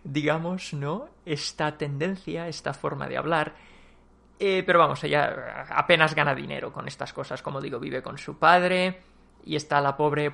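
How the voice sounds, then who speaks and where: Gravelly-voiced Spanish man reviewing a film. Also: a little high, fairly bright tone. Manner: rambling, many fillers and restarts. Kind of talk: casual spoken film review.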